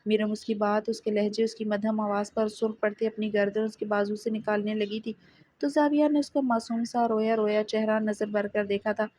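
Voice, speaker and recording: Woman narrating a novel, mellow tone. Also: mid-range voice, little pitch movement. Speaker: audiobook narrator.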